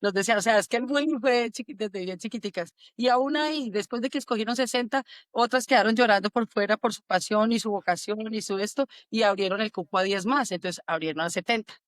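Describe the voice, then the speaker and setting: A middle-aged woman with a Colombian accent from Quindío tells her army stories in a warm, animated way, acting out the voices of other people as she goes. Her pitch sits in a middle range. The recording is close and dry, with no room sound. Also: a little fast, few pauses, no echo. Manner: animated, acts out quotes, sings la la. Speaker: army sergeant major, guest. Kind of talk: casual storytelling interview.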